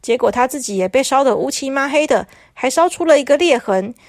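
Brief: high, eager talking toilets in a kids' story, squabbling, voiced by a woman. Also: a little fast, no echo, clean studio sound. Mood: gloomy. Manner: excited, bickering. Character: chatty talking toilets, boastful then sulky.

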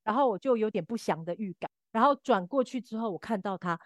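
A woman's voice: medium pitch, animated, fast talker, no echo, clean studio sound. A woman co-hosting a podcast, telling a story animatedly and acting out the quoted lines. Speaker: podcast co-host. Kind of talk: casual storytelling chat.

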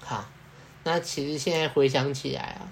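A man talks through workplace anecdotes in a relaxed, meandering podcast chat. He leans on fillers, acts out small exchanges as he goes, and a faint hiss sits under the recording. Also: mid-range voice, normal speed, creaky. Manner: rambling storytelling with fillers and laughs. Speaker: podcast co-host. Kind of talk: casual chat.

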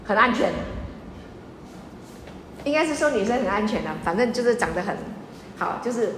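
A woman pastor giving a lively sermon, repeating her points emphatically and often asking the congregation questions. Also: medium pitch, normal speed. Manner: repetitive, emphatic preaching with audience questions. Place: church sanctuary. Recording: echoey church hall with faint noise.

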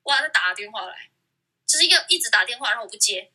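A woman's voice: a little high, animated, fast, sharp tone, husky. A woman co-hosting a casual podcast chat, telling a story with animation and acting out quoted lines, in muffled audio re-recorded from a speaker. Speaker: podcast co-host.

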